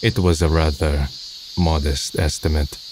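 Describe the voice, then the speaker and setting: This very deep male voice keeps a steady tone and an unhurried pace against a noisy background with music. He plays a gloomy, self-deprecating twenty-year-old, the narrator and protagonist, reading scripted first-person narration in a subdued, resigned manner.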